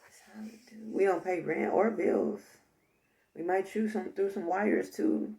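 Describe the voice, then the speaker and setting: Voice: medium pitch, steady tone, unhurried, creaky, warm tone, voice pushed up. A person voicing a gang of cocky, street-talking house mice with slangy, boastful swagger. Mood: indignant.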